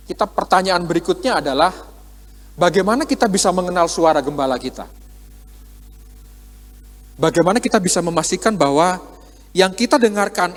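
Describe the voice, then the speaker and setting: A man preaches in a relaxed, talking style, tossing rhetorical questions at the congregation and acting out little exchanges. His voice sits a touch higher than most men's. Long reverb from the church hall trails after his words. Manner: conversational, with quoted dialogue and rhetorical questions. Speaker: pastor. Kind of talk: sermon.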